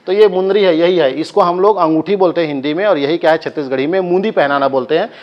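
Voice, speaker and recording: A male coaching teacher with a Chhattisgarhi accent delivers a live class lecture at a quick pace, his voice a little high and the recording muffled. He drills students with chanted repetition and throws in joking asides.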